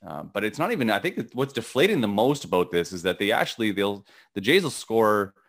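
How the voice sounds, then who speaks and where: Gravelly-voiced man rambling about sports. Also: fairly low pitch, sing-song, a bit bright. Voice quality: gravelly morning voice. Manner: rambling, halting with many restarts and fillers. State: voice cracking. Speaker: podcast co-host. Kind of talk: casual sports podcast chat.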